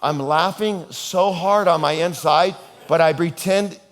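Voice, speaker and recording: This is a man delivering a sermon from the pulpit, his voice sitting somewhat above the usual male range. He is a playful, joking storyteller, and he keeps things animated, moving between quiet asides and loud, energetic bursts. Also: a little high, unhurried. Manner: playful storyteller, jokes and horses around; animated and expressive, swinging between hushed and loud. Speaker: pastor.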